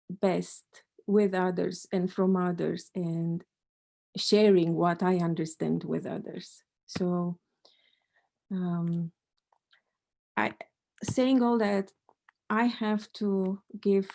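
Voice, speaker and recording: Speaking on a panel, a middle-aged Romanian woman who teaches mathematics answers questions in a lowish, creaky, dark-toned voice. Her replies are thoughtful yet hesitant, full of restarts.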